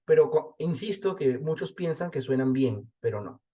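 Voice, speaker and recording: A man's voice: medium pitch, animated, moderate pace, dark tone. A man from Peru giving a spoken lesson on legal writing, correcting common phrasing in an emphatic way, checking in with "¿no?" and running through lists of examples. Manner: emphatic, corrective, rhetorical questions with "¿no?".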